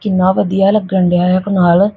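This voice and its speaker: A woman playing a sickly, put-upon young aunt who talks softly and wearily to a child in an amateur family drama. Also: mid-range voice, level tone, moderate pace, creaky, breathy edge. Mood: relieved.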